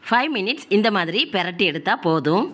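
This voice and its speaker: Animated and fairly quick, this woman narrates how to make a recipe in simple, everyday instructional language, as a home cook hosting a cooking show. She has a southern Tamil Nadu accent and a medium-pitched, fairly bright voice.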